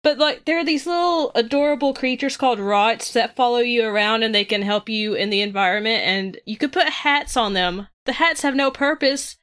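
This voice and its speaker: A woman's voice: fairly high pitch, normal speed, hardly any pauses, fairly bright tone. A woman co-hosting a gaming podcast, chatting casually with enthusiasm and giggles. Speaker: podcast co-host.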